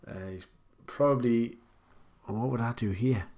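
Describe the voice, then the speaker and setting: A man's voice: medium pitch, moderate pace, a little mellow. Man casually commentating pool. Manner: conversational, thinks aloud about shots. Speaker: commentator for online pool matches.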